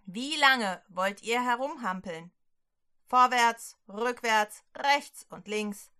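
A woman's voice: on the high side, expressive, slow pace, bright, forceful tone, smooth, full character voice. A woman voicing a stern male prophet who scolds a king and commands the people, in a children's Bible story. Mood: commanding.

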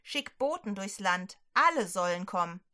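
A woman's voice: on the high side, animated, a little slow, bright, forceful tone. A woman voicing a stern male prophet who scolds a king and commands the people, in a children's Bible story. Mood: commanding.

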